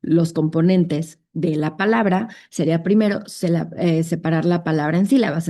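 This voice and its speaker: A woman with a Mexican Spanish accent giving a conference lecture, explaining step by step and often pausing on fillers and checking with a tag question. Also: on the low side, mellow. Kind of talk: conference talk.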